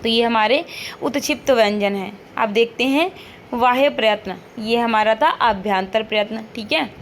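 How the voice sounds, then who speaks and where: A woman's voice: on the high side, moderate pace, a little hiss or hum. A woman teacher giving an online lesson, patiently repeating each point, modeling sounds aloud and checking in with frequent questions.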